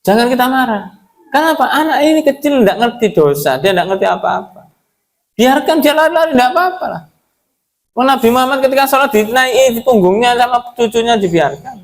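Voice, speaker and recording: High-voiced East Javanese preacher. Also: male voice, lively intonation, a little fast. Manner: conversational, mixes in local Javanese phrases, addresses audience as Pak. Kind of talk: mosque sermon. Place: mosque.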